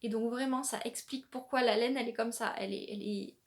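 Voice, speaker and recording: A woman hosting a knitting podcast, chatting casually with many pauses and restarts as she shows her yarn. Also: a little high, steady tone. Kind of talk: casual show-and-tell chat.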